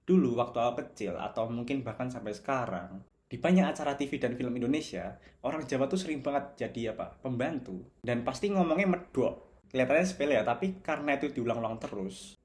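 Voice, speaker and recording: A man's voice: mid-range voice, expressive, brisk, darkish tone. A young man from Java with a Javanese accent, giving a casual reflective video commentary and slipping between Javanese, Indonesian and English. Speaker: video essayist.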